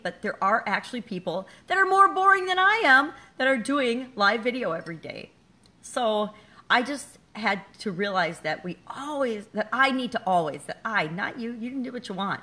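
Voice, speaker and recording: With a sharp tone in a mid-range voice, a middle-aged woman who coaches businesses and vlogs delivers a relaxed motivational talk to camera. She's candid with her viewers and self-deprecating.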